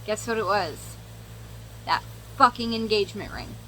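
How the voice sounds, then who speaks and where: A woman's voice: medium pitch, normal speed, pushed and bright, a little hiss or hum, low-quality recording. A young woman chatting casually to viewers and telling a story as she does her makeup, candid and sweary with sarcastic asides. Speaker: makeup vlogger.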